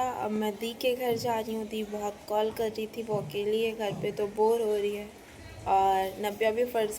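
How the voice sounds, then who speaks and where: A young woman chatting casually to her viewers in a daily-life vlog, relaxed and talkative. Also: mid-range voice, a little hiss or hum. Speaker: vlogger.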